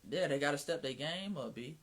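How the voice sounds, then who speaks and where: A man's voice: on the high side, a little fast, a bit bright. A man from Atlanta with a Southern Mississippi twang, hosting his own livestream in frank, slangy casual chat. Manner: slangy, frank, drops profanity, many restarts.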